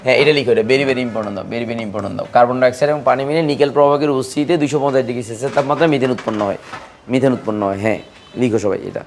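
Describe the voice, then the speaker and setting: A man's voice: mid-range voice, racing, a little hiss or hum. A man teaching a chemistry class, repeating key terms and quizzing his students, sometimes teasing and scolding them. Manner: repetitive, drilling students with questions. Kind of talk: classroom lecture.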